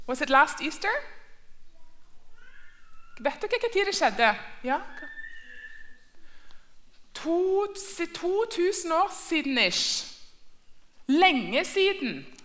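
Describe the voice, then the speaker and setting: A woman with a high-pitched, sharp-toned voice teaches a bilingual Sunday school lesson to a children's church class, asking questions and repeating herself in two languages.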